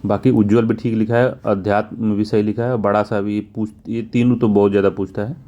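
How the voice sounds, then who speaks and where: A man's voice: fairly low pitch, little pitch movement, a little fast, dark tone, dull audio. A male teacher working through exam questions one by one, often repeating answers and checking with "theek hai". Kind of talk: exam answer walkthrough lesson.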